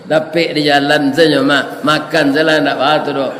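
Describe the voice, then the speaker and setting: A male preacher with a Minangkabau accent delivers a storytelling sermon at a slow, deliberate pace. His voice sits a little high, and he keeps checking in with his listeners. The sound carries a long hall reverb with faint background noise. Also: level tone, fairly bright tone. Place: prayer hall.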